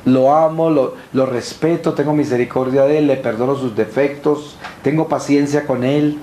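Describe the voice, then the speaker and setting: A man's voice: medium pitch, steady tone, normal speed, warm tone, a little hiss or hum. A man preaching a sermon, emphatic and repetitive, asking the listeners questions and answering them himself. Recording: echoey room with faint ambience.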